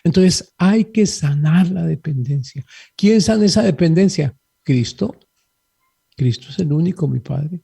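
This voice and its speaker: Gravelly, husky man preaching earnestly. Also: fairly high pitch, animated, measured pace, warm tone. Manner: earnest, preaching, questioning listeners. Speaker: guest speaker.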